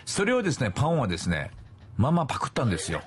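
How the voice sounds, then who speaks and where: Animated middle-aged male radio host. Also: racing, breathy edge. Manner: lively, jokey, swings pitch widely. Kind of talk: late-night radio call-in chat.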